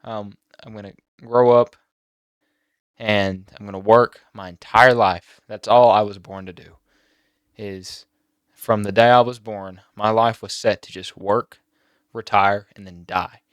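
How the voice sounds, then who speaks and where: A teenage boy with a low voice talks straight into a close, dry mic. He halts and restarts a lot, emotional and on the edge of tears. It sounds like a personal vlog confession. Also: steady tone, clear, resonant tone, no room sound. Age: teens. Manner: emotional, halting with many fillers and restarts. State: near tears. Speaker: YouTuber.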